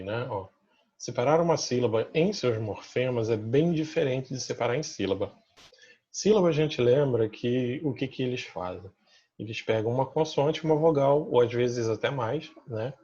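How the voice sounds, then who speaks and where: A man with a Brazilian Portuguese accent teaches grammar, pointing out examples on the slide one by one. His voice is a little husky and sits at an ordinary pitch. The recording sounds dull and lo-fi. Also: darkish tone. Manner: checks in with listeners through constant tag questions. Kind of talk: remote grammar lesson explaining slides.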